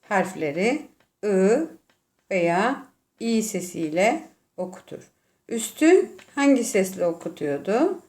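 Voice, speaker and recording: A woman teacher with a Turkish accent, slowly explaining Arabic vowel marks and sounding out letters one by one. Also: medium pitch, big pitch swings, a little mellow. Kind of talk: classroom lesson.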